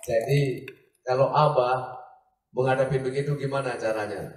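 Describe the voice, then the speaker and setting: A man's voice: medium pitch, fairly even intonation, moderate pace. A man preaching a humorous religious sermon, joking and asking his listeners questions. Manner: jokey, asks the crowd questions. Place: large hall at a religious gathering. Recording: echoey hall, voice from far off.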